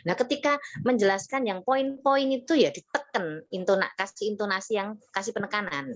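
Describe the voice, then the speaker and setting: A woman teaching sales communication in an online workshop, lively and acting out sales pitches. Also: no room sound, lo-fi sound. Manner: lively, acts out customers and salespeople in quick voices.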